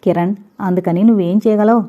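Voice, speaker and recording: A woman voicing a kindly middle-aged husband, speaking a little lower and warmly. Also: fairly even intonation, brisk, natural voice. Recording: tinny, phone-like recording.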